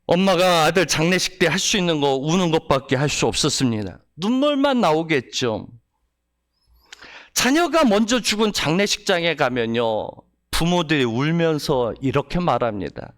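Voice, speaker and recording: A male pastor delivers a Sunday sermon with a fairly high, very lively voice. He preaches with feeling, asks the congregation rhetorical questions and swings between hushed low phrases and raised emphatic ones. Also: moderate pace. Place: church service.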